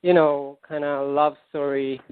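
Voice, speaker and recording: An Israeli singer-songwriter whose first language is Hebrew answers casual interview questions in English, his voice fairly high, level, and clean. He's halting, circling his thoughts with lots of "um," repeated words, and restarts. The sound comes through a narrow, phone-like line, completely dry with no echo or room.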